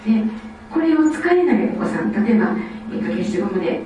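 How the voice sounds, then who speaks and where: A woman from Osaka, giving a lively lecture on child development. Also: mid-range voice, fairly quick, a little hiss or hum. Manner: lively, acts out children's speech. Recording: echoey hall, distant mic, faint ambience.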